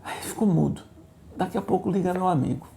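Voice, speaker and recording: A Brazilian-accented male pastor telling a story in an interview, animated and acting out the voices of the people in it. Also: sits high, a little fast, gravelly. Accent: Brazilian Portuguese. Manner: animated, acts out quoted voices in his stories.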